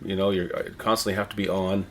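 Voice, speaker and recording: Middle-aged Canadian man with a lowish voice. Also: flat delivery, fast talker. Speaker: interviewee, town crier and visitor services manager. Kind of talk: conversational interview answers.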